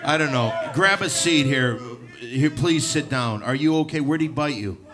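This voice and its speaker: A man's voice: medium pitch, animated, normal speed, crowd noise. A man hosting a live comedy show with improvised stage banter. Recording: music and noisy live audience behind.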